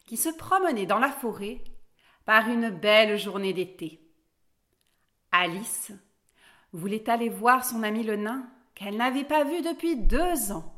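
A woman reading a children's fairy tale aloud in an expressive, lilting way. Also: fairly high pitch. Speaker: storyteller.

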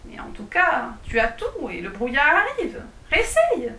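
Une femme qui joue un petit nain calme et un peu grondeur, dans un conte lu à voix haute. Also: female voice, sits high, unhurried, voice pushed up, exaggerated voice. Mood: calm. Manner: unflustered, a little scolding. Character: small male dwarf, calm and teasing. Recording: echoey room.

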